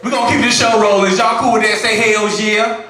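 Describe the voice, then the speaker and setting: A man hosting a comedy show, loudly hyping the crowd and introducing acts. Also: sits high, flat delivery, fairly quick, heavy reverb, far from the mic, music in the background. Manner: loud, hype, profane. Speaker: show host. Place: comedy club stage.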